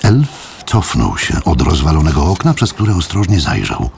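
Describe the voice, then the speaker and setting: A man narrating a story in a measured storytelling manner. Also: a bass voice, wildly swooping pitch, vocal fry, a little mellow, slight background noise. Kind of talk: scripted narration.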